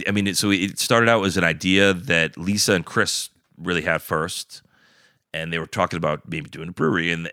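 A man's voice: low voice, bright, forceful tone, no room sound, clean studio sound. A man, a guest who co-owns a brewery and runs a food truck, chatting casually and telling rambling stories full of fillers and the odd swear word. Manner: rambling, storytelling with lots of fillers and acted-out quotes. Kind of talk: casual chat.

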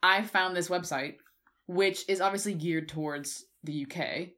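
A woman co-hosting a podcast, talking in a relaxed, rambling way with plenty of fillers. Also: on the low side, unhurried. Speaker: podcast co-host. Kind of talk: casual chat.

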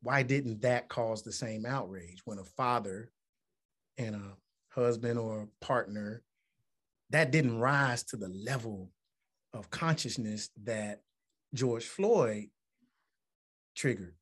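A man's voice: medium pitch, slow, long pauses, fairly bright tone, slightly rough. A man in his forties from Alabama, a musician and motivational speaker, answering interview questions in an earnest, reflective way that builds to emphatic points. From Alabama, United States. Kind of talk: interview conversation.

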